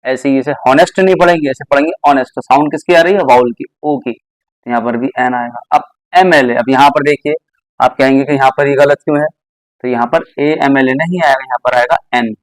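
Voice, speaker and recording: A man's voice: mid-range voice, a little fast, no echo, low-quality recording. A man teaching English grammar, explaining step by step and repeating examples patiently. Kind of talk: classroom grammar lesson.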